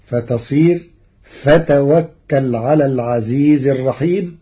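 A man presenting a formal scripted lesson on reading variants, measured and deliberate, slowing to intone the quoted verses. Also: medium pitch, breathy edge, highs cut off.

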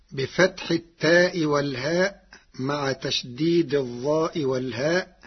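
A man teaching the variant readings of Quranic recitation in a slow, deliberate, measured lecture. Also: fairly high pitch, husky, highs cut off. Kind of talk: scripted explanatory lecture.

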